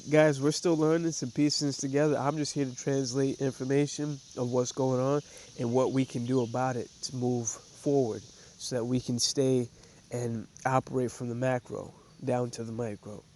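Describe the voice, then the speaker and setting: Stuffy and congested from a cold, a podcast host chats casually about trading, his speech loose with fillers and restarts. His medium-pitched, slightly mellow voice shows little pitch movement at a moderate pace, over a little hiss or hum.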